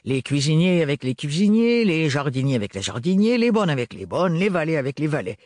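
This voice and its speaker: A jovial redheaded servant who chats in a chummy, teasing, slangy way, as a man puts him on. The voice sits well above the reader's own and leaps about with lively swings in pitch. It sounds close and dry. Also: brisk, no room sound. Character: jovial tall redheaded male servant, sly and wheedling. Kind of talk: audiobook character voice.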